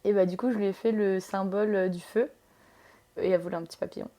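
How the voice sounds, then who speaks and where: Young Frenchwoman, tattoo artist guest, rambling casual chat, creaky voice. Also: mid-range voice, fairly even intonation, fast talker, dark tone. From France. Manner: chatty, rambling with many filler sounds.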